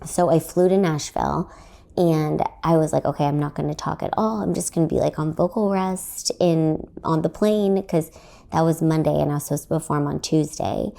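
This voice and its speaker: This young woman is a Texas comedian who hosts her own podcast, and here she tells a meandering solo story full of fillers. Her voice is low and mellow with vocal fry, and she talks at a moderate pace.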